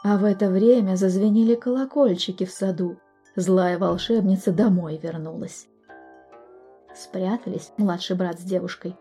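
Husky-voiced woman telling a fairy tale. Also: medium pitch, moderate pace, faint music behind. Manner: gentle, expressive storytelling, addressing the listener directly. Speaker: storyteller. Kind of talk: fairy tale reading for children.

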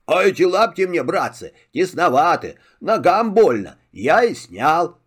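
A man's voice: on the high side, sing-song, a little slow, breathy edge, exaggerated voice. A man voicing a young peasant who feels ashamed about taking something that is not his. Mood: sheepish. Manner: sighing, ashamed. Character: remorseful young male peasant.

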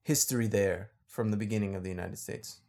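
A man's voice: lowish voice, fairly quick, a little mellow. A man hosting a casual podcast, explaining things for listeners and laughing often. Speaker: podcast host and teacher.

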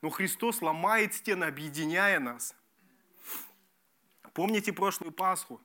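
A man preaching a sermon as pastor, emphatic and lively, repeating key phrases and restarting words. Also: sits high, unhurried. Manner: lively, emphatic preaching with repetitions and self-corrections.

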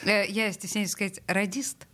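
A woman's voice: medium pitch, flat delivery, moderate pace, a bit bright. A woman co-hosting an interview, chatty and playful, asking leading questions. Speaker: interviewer, co-host. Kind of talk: conversational interview.

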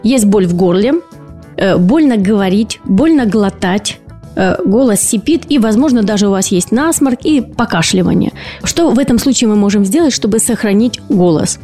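A warm, mid-range female voice belongs to a speech and voice therapist hosting an educational podcast. Her explanations are patient, and she often poses rhetorical questions to her listeners.

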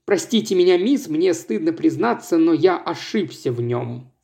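A man voicing a shrewd older detective in a dry, measured manner. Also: on the high side, expressive, gravelly, mellow. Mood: rueful.

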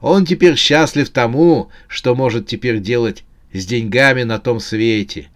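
A man's voice: mid-range voice, unhurried, lightly acted. A man voicing a smug male spy who savours each word, close to his own reading voice. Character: smug British male spy, pleased with himself.

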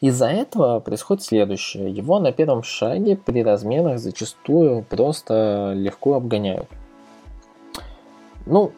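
A man hosting a basketball analysis monologue, speaking casually and haltingly, with a speech impediment on his R sounds. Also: mid-range voice, sing-song, dark tone, breathy edge, soft background music. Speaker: basketball podcast host.

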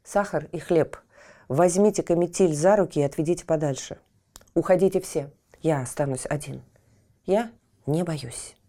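A woman's voice: low voice, normal speed, warm tone. A woman voicing a curious, determined young boy in a children's audio fairy tale. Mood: resolute. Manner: eager and questioning, resolute.

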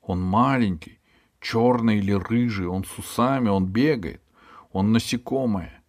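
A man's voice: fairly low pitch, unhurried, darkish tone, voice pushed up. Man doing an eager hot-headed boy. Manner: earnest, explaining.

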